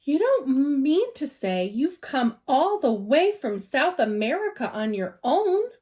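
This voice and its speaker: A woman voicing a warm-hearted, decisive middle-aged wife and mother in a storybook, brisk and given to exclaiming. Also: high voice, very animated, pitched above the performer's own voice, exaggerated voice. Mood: astonished.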